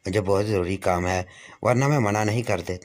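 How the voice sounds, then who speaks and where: A man's voice: lowish voice, lightly acted. A man voicing a secretive, short-tempered husband who speaks curtly and defensively. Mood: matter-of-fact.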